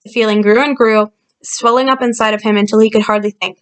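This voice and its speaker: A woman reading a story aloud and commenting on it in a calm, explanatory way, with frequent fillers, recorded on a computer's built-in mic. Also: a little high, fast talker, clean tone. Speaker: channel host reviewing a story. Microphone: built-in computer microphone.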